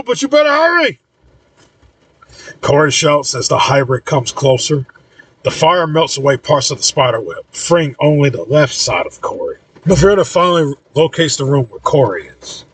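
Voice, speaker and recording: Male author-narrator, casual audiobook read, husky, slightly distant. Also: medium pitch, dry recording. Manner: casual, slightly stumbling reading. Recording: voice a bit far from mic.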